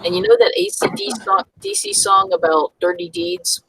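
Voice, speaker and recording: A woman's voice: medium pitch, normal speed, slight background noise, rough recording. A woman chatting wryly in an online group chat. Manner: wry, lively, chatty.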